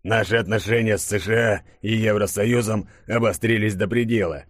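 A man voicing a stern middle-aged chief who briefs his team in a grave, measured way. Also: lowish voice, steady tone, no room sound, clean studio sound, close to an everyday voice.

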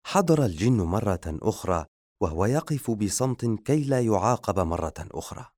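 Male audiobook narrator, very low voice, steady measured reading, dry booth sound. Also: no room sound. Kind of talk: scripted narration.

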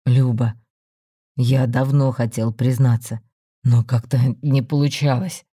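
A man's voice: medium pitch, flat delivery, mellow, slightly rough. A man voicing a smug self-assured husband. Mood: placating. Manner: slow, soothing, self-justifying. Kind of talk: audiobook story reading.

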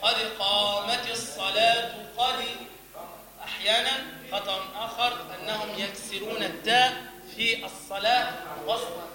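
This high-voiced man speaks at a normal pace with fairly even intonation while a crowd murmurs behind him. He is an Egyptian-accented religious teacher leading a recitation class on the call to prayer, demonstrating chanted lines and testing students in an echoey hall.

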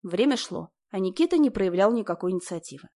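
A woman reading a first-person story aloud as an audiobook narrator, in a steady, conversational storytelling manner. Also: medium pitch, fast talker.

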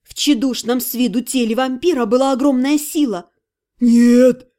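Woman reading a story aloud, high voice but mellow tone, expressive. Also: fairly quick. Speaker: audiobook narrator. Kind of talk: scripted narration.

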